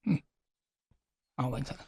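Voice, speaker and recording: A man's voice: moderate pace, dark tone, no echo, clean studio sound. A man co-hosting a casual podcast, ranting with lots of swearing and laughter. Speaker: podcast co-host. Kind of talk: casual chat.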